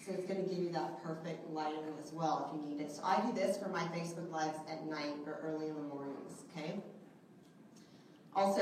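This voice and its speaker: Running a selfie workshop for a handful of people indoors beside a large window, this trainer has a soft, low female voice. She talks in a chatty way, questioning the group and peppering her instruction with "okay?" and "right?". Her handheld mic leaves her sounding far away in an echoey space, with slight background noise.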